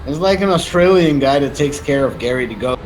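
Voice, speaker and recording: A man's voice: mid-range voice, lively intonation, fairly quick, soft background music, poor audio. A young man streaming a game and chatting casually with friends, joking, laughing and swearing freely. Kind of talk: casual chat while gaming.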